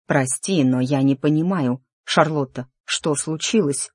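A stubborn young nobleman in an audiobook, as a reader plays him. He talks slowly and holds his temper with effort, in a low, steady voice. The sound is close and dry. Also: breathy edge, dry recording. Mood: tense. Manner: restrained, clipped, slow. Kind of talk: audiobook character dialogue.

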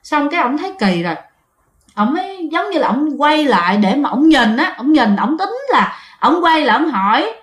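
A woman narrates a ghost story in a loose, chatty way, turning to her listeners often. Her voice sits high. The recording has a roomy echo. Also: sing-song, moderate pace, a bit bright.

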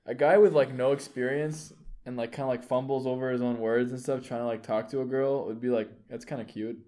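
A man's voice: mid-range voice, fairly quick. Young man co-hosting a casual podcast, laughs a lot, says "like" constantly. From US East Coast. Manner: laughing, animated, filler-heavy. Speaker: podcast co-host.

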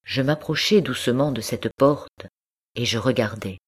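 Slow, measured woman reading a story aloud. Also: very deep voice, slightly rough. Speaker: audiobook reader. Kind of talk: scripted narration.

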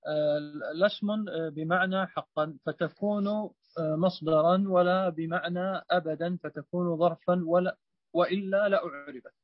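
A man reading a passage aloud for his teacher, halting between words. His voice is fairly high. The sound is dry and muffled. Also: steady tone, dry recording. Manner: hesitant reading with fillers. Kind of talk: reading a text aloud in class.

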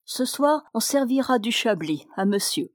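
A woman voicing a calm, courteous hotel waiter in a storybook reading. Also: fairly high pitch, normal speed, dry recording, studio quality. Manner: politely unflappable.

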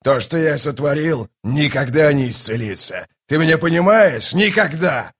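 A man voicing Kallor, husky scornful tyrant king. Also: mid-range voice, normal speed. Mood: raging. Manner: mocking, boastful, erupts into shouting. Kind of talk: audiobook character voice.

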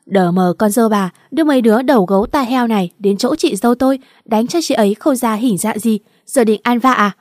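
A woman reading an audiobook story, voicing a rough, hot-tempered market boss who shouts coarse insults. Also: mid-range voice, fairly quick, dry recording, clean studio sound, close to an everyday voice. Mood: furious.

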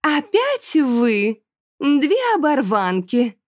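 A woman's voice: high-pitched, sing-song, very slow, dry recording, studio quality, pitched above the performer's own voice, heavily acted. A woman reading an audiobook, voicing a spoiled, haughty aristocrat girl who sneers and shrieks. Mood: sneering.

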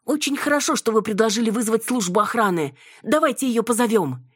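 Casting: woman doing a young daughter, high-pitched, urgent, close and dry. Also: expressive, a little fast, breathy edge, no room sound. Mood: alarmed. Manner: pleading, then shouting in alarm.

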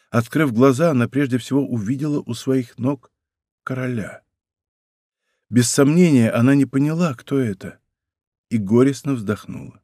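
A man narrating a historical novel in a measured, dramatic reading, recorded in a studio. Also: mid-range voice, a little mellow, no echo. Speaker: audiobook narrator. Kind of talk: scripted narration.

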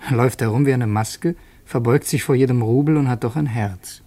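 In a radio play, an actor narrates in the first person as a young revolutionary student, earnest and tense. He speaks briskly in a dark, mid-range male voice, only lightly acted, with no room sound.

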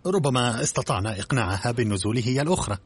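A man voicing a lively, coaxing young woman in an audiobook, brisk and persuasive, pitched up from his husky voice.

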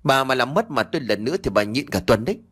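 A man's voice: medium pitch, lively intonation, fast talker, a bit bright, breathy edge. A man voicing a greedy, spiteful village daughter-in-law who nags and scolds sharply in a storybook reading. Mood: smug.

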